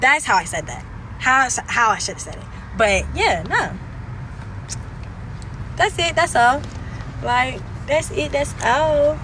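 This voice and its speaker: A woman's voice: sits high, animated, takes it slowly, pauses often, background noise. A young adult woman ranting on a livestream from a car, blunt and profane, circling back over the same points. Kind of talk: livestream rant. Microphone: phone.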